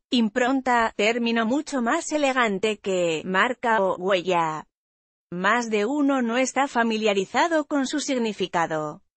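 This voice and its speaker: A woman's voice: on the high side, dry recording. Woman reading news in a dry voice. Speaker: news reader. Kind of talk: reading a news article aloud.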